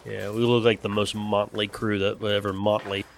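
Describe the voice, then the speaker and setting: A man playing a tabletop role-playing game, calmly describing his character's actions. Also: on the low side, moderate pace, gravelly, slight background noise. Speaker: player.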